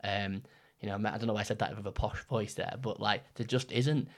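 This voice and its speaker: A man's voice: fairly low pitch, fairly even intonation, brisk. A young man in casual podcast chat, rambling with many fillers and restarts. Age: young adult. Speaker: trainee counsellor, podcast co-host.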